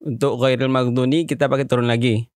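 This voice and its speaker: A man explaining recitation melody in a relaxed, friendly tutorial way. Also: medium pitch, brisk, no room sound, studio quality. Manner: relaxed, plain, speaks to viewers as friends. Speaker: recitation teacher.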